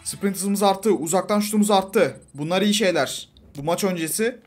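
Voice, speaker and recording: A man giving casual, excitable live commentary over his own football video game match and talking to the players on screen. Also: sits high, normal speed, soft background music. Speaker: gaming YouTuber.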